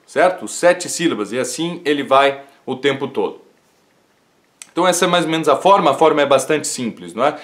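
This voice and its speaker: A male teacher speaking in a livestream lecture, his voice sitting at an ordinary middle pitch. He explains things at an unhurried pace and keeps checking in with "isn't it?" tags and plenty of fillers. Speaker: teacher of classical literature.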